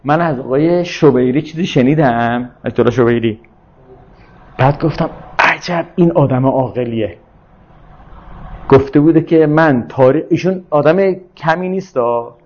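A man's voice: a little high, darkish tone, dull audio. A man giving an informal, argumentative lecture who often asks his listeners whether they follow. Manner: argumentative, checks listeners follow with rhetorical questions. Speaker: speaker on religion and politics.

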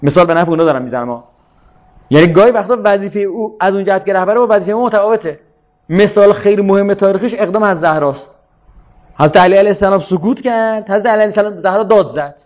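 A man lectures in a loose, conversational way, arguing his points and asking over and over whether his listeners follow. His voice sits fairly high for a man. The recording is muffled and lo-fi. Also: a little mellow. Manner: argumentative, checks listeners follow with rhetorical questions. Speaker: speaker on religion and politics. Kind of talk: informal lecture.

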